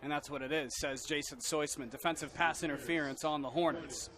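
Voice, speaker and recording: Bright, high-voiced American male play-by-play man. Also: steady tone, fairly quick. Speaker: play-by-play commentator. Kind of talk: live American football play-by-play commentary. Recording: faint outdoor background noise.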